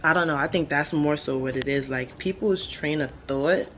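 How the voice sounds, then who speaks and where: A woman's voice: deep voice, moderate pace. A woman in her late twenties talking casually in a laid-back stoner ramble, slangy and blunt, swearing freely as she thinks aloud. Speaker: vlogger. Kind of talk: casual rambling monologue to camera. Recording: steady background ambient noise.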